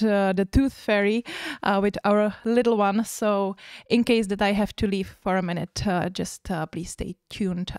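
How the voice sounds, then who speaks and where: A woman co-hosts a casual livestream chat in a smooth, darkish, mid-range voice. She sounds hesitant, with lots of ums and fillers, and the sound is completely dry with no room sound.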